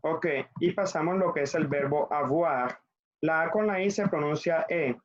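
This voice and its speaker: A man's voice: a little high, moderate pace, highs cut off. A man with a Colombian Spanish accent teaching a French class over video, patiently drilling conjugations for students to repeat.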